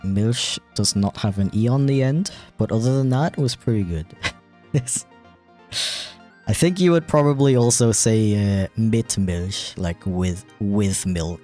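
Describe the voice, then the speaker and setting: A man's voice: fairly low pitch, unhurried, mellow, soft background music. A man streaming while he animates, chatting casually and rambling with a self-deprecating tone and lots of fillers. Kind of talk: casual livestream chat.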